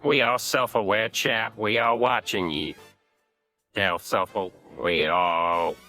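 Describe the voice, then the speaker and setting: A man putting on a disguised, pitched-down deep voice for an eerie self-aware cartoon figure, chanting slowly and ominously. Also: steady tone, pushed and bright, soft background music.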